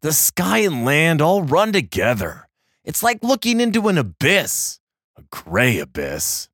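A man's voice: a little high, huge pitch swings, unhurried, a bit bright, no room sound, clean studio sound, voice pushed up, full character voice. A man voicing a lanky male traveler who grumbles and complains, with a growling delivery, in a storybook reading. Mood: grumbling.

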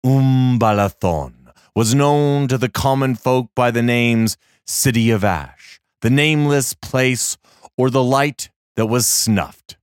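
A man narrating a fantasy story as an audiobook reader, in a measured, dramatic storytelling manner. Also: mid-range voice, clear, resonant tone, no room sound, clean studio sound. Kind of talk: scripted narration.

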